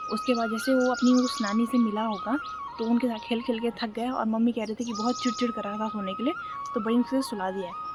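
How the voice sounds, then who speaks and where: A young woman vlogging casually outdoors at her village home, chatting to the camera about her baby. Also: fairly high pitch. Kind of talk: casual village vlog narration.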